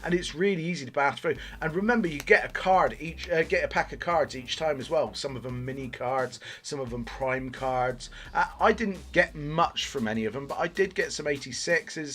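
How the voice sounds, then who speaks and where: A man from Bristol, England, speaking with a local Bristol English accent, hosts a gaming video with casual commentary. His medium-pitched voice is a bit bright, and his talk is rambling, self-deprecating, and mildly sweary.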